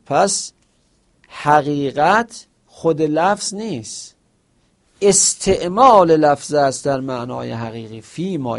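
Guy teaching a seminary class, gravelly voice, keeps asking himself questions n answering. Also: a little high. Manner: explains with examples and asks himself questions; quotes Arabic phrases within Persian speech. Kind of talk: seminary lesson on Arabic rhetoric.

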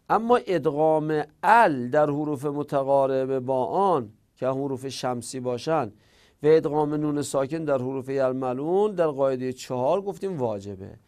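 A man teaching a grammar lesson, patiently explaining rules and repeating examples slowly. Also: fairly high pitch, a little mellow. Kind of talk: classroom lecture.

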